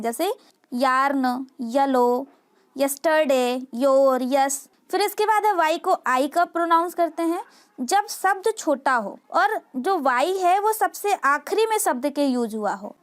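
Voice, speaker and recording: A woman teaching English phonics to parents, spelling out letters and sounding out words one by one. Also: high-pitched. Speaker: home tutor teaching English reading.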